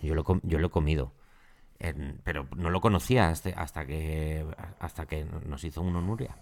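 A man's voice: a bass voice, moderate pace, darkish tone. A man co-hosting a podcast in casual chat, giving exaggerated, mock-dramatic warnings. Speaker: podcast co-host.

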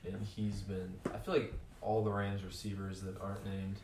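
A man on a casual podcast panel, talking haltingly as he searches for names. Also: deep voice, level tone, darkish tone, far from the mic, slight background noise. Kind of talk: casual chat about fantasy football. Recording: roomy echo, a bit off mic.

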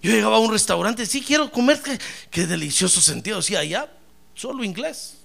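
Gravelly, high-voiced preaching man. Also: fairly quick. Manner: animated preaching, swinging from low asides to loud shouted praise; addresses listeners as "hermano". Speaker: pastor. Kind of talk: sermon. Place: church.

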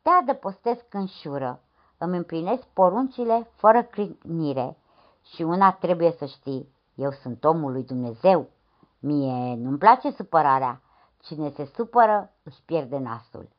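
A man's voice: on the high side, expressive, natural voice. Woman doing a stern bearded priest, bossy and greedy, lo-fi sound. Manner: commanding, stern. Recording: dull lo-fi recording.

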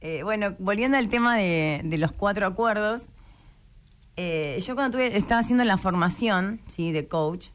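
A writer and coach with a Rioplatense Spanish accent appears as a guest on a radio interview, speaking at a moderate pace in a mid-range voice. She lays out her ideas lively and often acts out the voices of the people she quotes.

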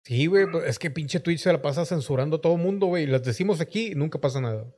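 A man's voice: a little high, fast talker, darkish tone. A Mexican man in crude, slangy casual banter, peppering his talk with filler slang and swearing. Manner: slangy, swears often, says güey constantly.

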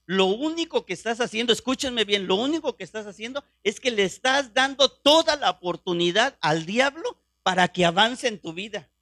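A middle-aged man preaching a sermon, impassioned and fervent, dropping to hushed prayer tones and rising again. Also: high-pitched, animated, moderate pace, few pauses, dry recording, clean studio sound. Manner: drops to hushed prayer voice when quoting.

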